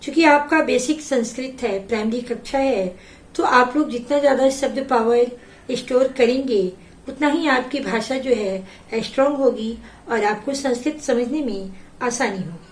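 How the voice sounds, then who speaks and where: A woman teaching a Sanskrit lesson, slowly reading each word and then giving its meaning. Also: on the high side, roomy sound. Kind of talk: slow classroom explanation.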